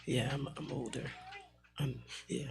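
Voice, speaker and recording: A woman's voice: rumbling low, fairly even intonation, measured pace, creaky. A woman, bantering bluntly in a casual studio chat. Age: 30s. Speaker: music guest.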